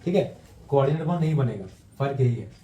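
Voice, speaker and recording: Male teacher, mid-pitched, very mellow dark tone; patient step-by-step lecture with slow dictation, echoey classroom. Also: expressive, a little hiss or hum. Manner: explains step by step, slow deliberate dictation, frequent checks with students. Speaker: chemistry teacher.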